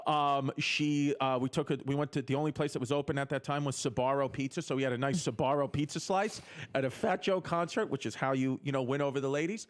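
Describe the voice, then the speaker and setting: A man's voice: medium pitch, steady tone, fairly quick. Crude rambling male comedian storyteller. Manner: crude, rambling, swears a lot. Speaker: stand-up comedian. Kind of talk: casual podcast storytelling.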